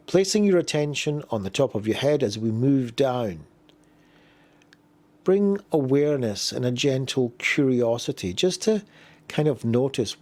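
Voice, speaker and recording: In a fairly low-pitched voice, a man leads a guided body scan meditation. He pauses between phrases and keeps his instructions gentle and unhurried.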